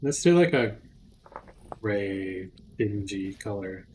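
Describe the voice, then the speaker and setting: A man's voice: fairly low pitch, animated, slow pace, darkish tone, a little hiss or hum. A man giving casual gameplay commentary on a livestream, thinking aloud and joking with his chat. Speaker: streamer.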